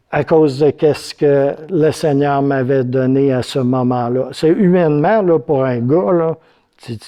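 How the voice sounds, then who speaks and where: A man's voice: mid-range voice, dark tone. A man with a Quebec French accent preaching a sermon, telling a personal story in a casual, rambling way with many fillers. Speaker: pastor.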